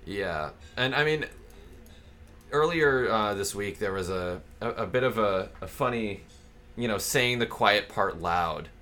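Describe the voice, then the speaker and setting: A man's voice: lowish voice, lively intonation, unhurried, sharp tone. A man co-hosting a casual political podcast, rambling with many fillers and restarts, sarcastic and profane. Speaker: podcast co-host.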